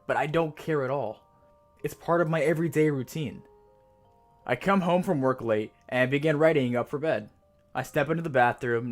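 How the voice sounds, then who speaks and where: A man performs a haunted narrator telling a creepypasta in the first person. The delivery is measured and suspenseful, drawing out the frightening descriptions. His medium-pitched voice sits over a clear music bed. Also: close to an everyday voice. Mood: tense dread. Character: haunted, increasingly terrified narrator of a horror tale.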